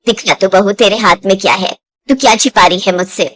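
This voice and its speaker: A woman's voice: mid-range voice, fairly quick, voice pushed down, lightly acted. A woman voicing a stern older mother-in-law in a storybook drama. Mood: scolding. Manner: scolding, later gentle.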